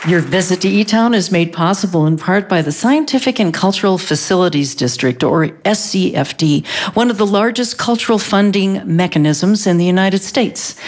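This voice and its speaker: A woman's voice: on the low side, lively intonation, normal speed, some chatter behind. Woman reading a scripted station announcement.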